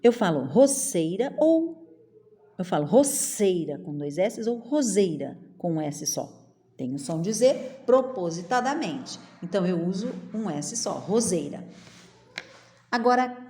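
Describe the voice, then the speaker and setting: A middle-aged woman with a Brazilian Portuguese accent, teaching a spelling lesson to children and drawing words out slowly, one at a time. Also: mid-range voice, dark tone. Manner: slow, drawn-out word-by-word enunciation.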